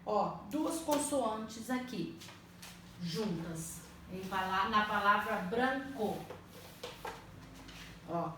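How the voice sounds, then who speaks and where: A woman teaching a primary school language lesson, spelling out words slowly and patiently, often checking that the children follow. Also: medium pitch, expressive, fairly bright tone. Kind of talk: slow, clearly spelled-out online lesson. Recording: echoey room, mic at a distance, faint noise.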